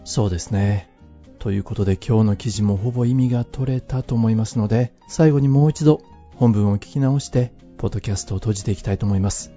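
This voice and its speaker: A man hosting a podcast, calmly explaining English phrases for learners and signing off politely. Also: on the low side, quick pace. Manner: calm, explanatory, adds polite sign-offs. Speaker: podcast host, English teacher. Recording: dull lo-fi audio, faint music.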